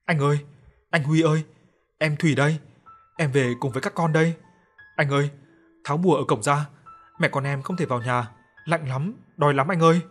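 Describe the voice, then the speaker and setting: A man's voice: fairly high pitch, fairly quick, pauses often, fairly bright tone. A grieving young woman's ghost speaks in a tearful, pleading way in this audio story. A man doing her voice keeps it close to his own, only a little lifted. Faint music plays behind her. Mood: pleading, mournful.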